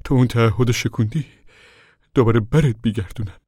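A man voicing a stubborn male preacher who gives urgent commands in a husky voice. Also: medium pitch, a little mellow, dry recording, clean studio sound, pitched above the performer's own voice, natural voice.

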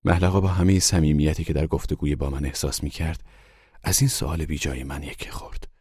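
A man narrating a story aloud in a measured storytelling manner. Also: extremely low pitch, fairly even intonation, darkish tone, husky, no echo, clean studio sound. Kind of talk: audiobook narration.

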